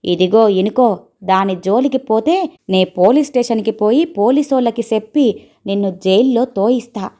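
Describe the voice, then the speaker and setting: A woman reading a storybook, voicing a poor working mother who talks in rough village speech, fierce and worried. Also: on the low side, steady tone, moderate pace, darkish tone, lightly acted. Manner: rough village speech, threatening then pleading.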